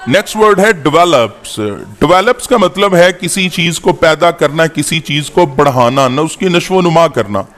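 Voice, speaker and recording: A man teaching an English-to-Urdu lesson, slowly repeating each word and its meaning. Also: a little high, a bit bright, big-room sound. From Pakistan. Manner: spells out words slowly, repeating each one.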